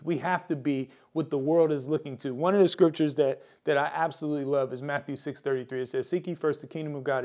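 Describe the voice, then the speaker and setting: Speaking straight to his viewers, this American man preaches a mid-week sermon woven with prayer and scripture, urging them on and circling back to key phrases. His pitch is fairly high, with a darkish tone.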